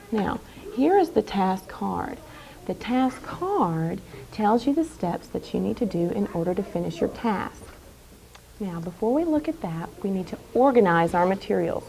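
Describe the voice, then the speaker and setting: A woman teaching young children in a classroom, speaking in a deliberate, carefully enunciated, instructive way and repeating key phrases. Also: medium pitch, mellow, low-quality recording. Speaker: elementary school teacher. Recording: clear background noise in a classroom.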